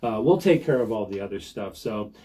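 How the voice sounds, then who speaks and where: A man's voice: fairly low pitch, lively intonation, fairly quick, warm tone. A man with an American accent co-hosting a show as a lender, giving conversational, folksy advice to viewers. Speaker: show co-host and mortgage lender.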